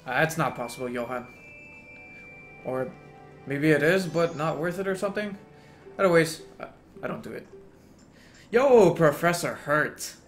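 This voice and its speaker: A man streaming a speedrun, greeting viewers by name and reacting with sudden excited outbursts. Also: a little high, normal speed, long pauses, soft background music. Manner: greets and answers chat, bursts into excited exclamations. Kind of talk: casual live-stream chat while gaming.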